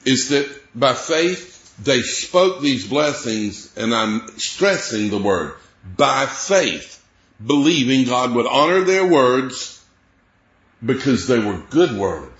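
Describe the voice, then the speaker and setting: A man's voice: mid-range voice, expressive, slow, a bit bright, lo-fi sound. Earnest male preacher in a roomy space. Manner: earnest, explanatory, reading scripture aloud. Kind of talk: sermon.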